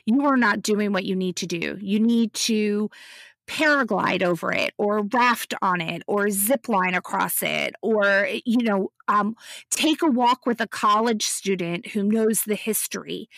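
A woman's voice: medium pitch, unhurried, a bit bright, dry recording. Chatty woman on a dry mic. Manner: chatty, storytelling, frequent "you know". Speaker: podcast co-host. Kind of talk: casual chat.

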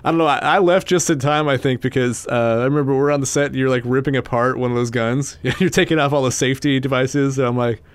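A man in a casual podcast chat, mid-pitched and easygoing. He laughs often and drops into quoted movie lines with mock voices. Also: steady tone, fast, few pauses, smooth, no room sound. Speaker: podcast co-host.

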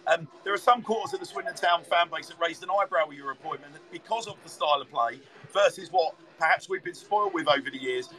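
A man's voice: high-pitched, bright, forceful tone. A man commentating and interviewing live from a football commentary box, wordy and informal. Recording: noisy live stadium broadcast, clear background noise. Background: stadium ambience.

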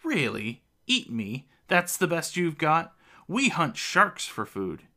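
A man's voice: mid-range voice, lively intonation, a little slow, fairly bright tone. A man voicing a sneering male merman raider with shark teeth, who talks in a mocking, taunting way.

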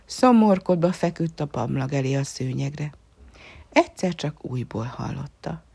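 A woman reading a children's story aloud, softly and often half-whispering. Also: deep voice, animated, gravelly, breathy edge.

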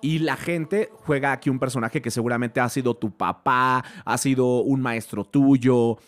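A man with a Mexican accent retelling a film in an animated, chatty way, full of fillers. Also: medium pitch, normal speed. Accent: Mexican Spanish. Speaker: film commentator.

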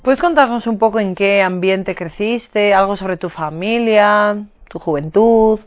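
A woman's voice: mid-range voice, unhurried. A woman hosting an interview, asking questions in a friendly, informal way. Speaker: host. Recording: muffled with faint music.

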